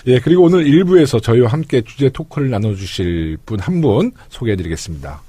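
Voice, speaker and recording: A middle-aged man hosting a casual political talk podcast, chatty and quick in back-and-forth. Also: mid-range voice, sing-song, a crowd in the background. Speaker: podcast host.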